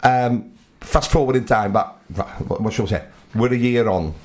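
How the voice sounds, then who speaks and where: A man's voice: mid-range voice, moderate pace, a little mellow. A man co-hosting a podcast, asking playful what-if questions in casual chat. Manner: asks playful hypothetical questions. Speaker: podcast co-host.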